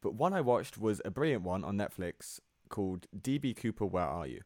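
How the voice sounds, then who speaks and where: Low-voiced man in rambling podcast chat. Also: big pitch swings, moderate pace, darkish tone, no echo, clean studio sound. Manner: rambling, laughs easily. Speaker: podcast co-host. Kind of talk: casual chat.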